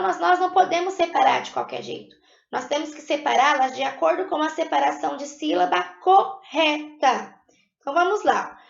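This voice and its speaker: A woman teaches a recorded lesson, walking through each point patiently and checking in often. Her voice sits high with a gravelly edge. The sound is echoey and a bit dull, like a plain room on a lo-fi mic. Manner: patient, explains step by step and keeps checking in with "tá?".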